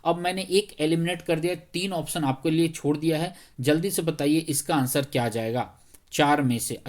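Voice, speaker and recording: A male teacher, a little under the weather, talking slowly through exam questions in a conversational way and often checking whether students follow. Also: a little high. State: slightly unwell, speaking slowly.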